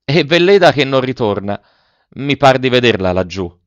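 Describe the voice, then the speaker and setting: A man reading aloud and voicing a shy, sweet young girl in a gentle, raised voice. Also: medium pitch, sing-song, normal speed, no room sound, muffled recording, voice pushed up, lightly acted. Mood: wistful.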